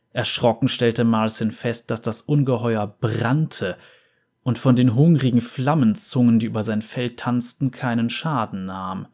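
A man reading a fantasy story aloud as narrator, with calm, steady delivery. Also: mid-range voice.

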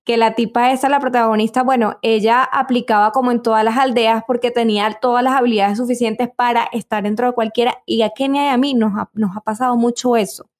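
A woman's voice: on the high side, steady tone, fairly quick, hardly any pauses. A woman hosting a podcast, chatting enthusiastically with many asides as she introduces her guest. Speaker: podcast host. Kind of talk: casual podcast conversation.

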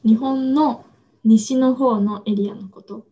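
Higher-pitched woman explaining words gently. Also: fairly even intonation, highs cut off. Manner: gentle, explains slowly with examples. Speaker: podcast co-host. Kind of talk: casual chat explaining Japanese words. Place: at home.

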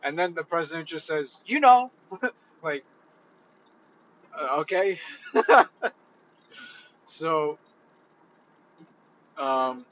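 A man in a casual, reflective monologue, talking haltingly with many fillers. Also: a little high, pushed and bright, lo-fi sound. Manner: hesitant, halting, heavy on fillers.

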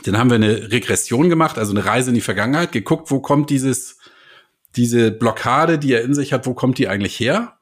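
Man, casual interview guest, animated storyteller, mid-range voice. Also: medium pitch, fairly quick. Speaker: hypnotist and podcast host guest.

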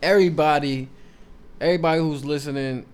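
A man's voice: on the high side, fairly even intonation, brisk, slight background noise. A man co-hosting a podcast, talking in a laid-back way with lots of slang. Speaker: podcast co-host. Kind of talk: casual podcast chat.

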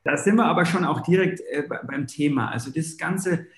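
Guy co-hosting a podcast, gravelly voice, stumbles and restarts a lot, echoey room. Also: a little high, a bit bright. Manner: halting questions with many restarts. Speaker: podcast co-host. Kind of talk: conversational interviewing. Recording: roomy echo.

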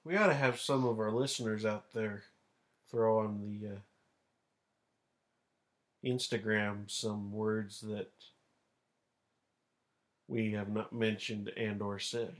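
A man's voice: lowish voice, steady tone, slow, long pauses. A man in his twenties co-hosting a podcast, making dry, teasing quips in casual chat. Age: 20s. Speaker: podcast co-host.

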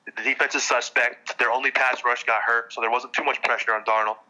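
A man's voice: mid-range voice, flat delivery, brisk, pushed and bright, low-quality recording. A man co-hosting a sports podcast, chatting casually with frequent stammered restarts. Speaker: podcast co-host.

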